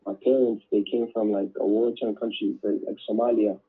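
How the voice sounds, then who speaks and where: A man's voice: on the low side, level tone, normal speed, slightly rough. A man in his twenties from Canada answering sales-call questions hesitantly, with many fillers. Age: 20s. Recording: tinny phone-call recording.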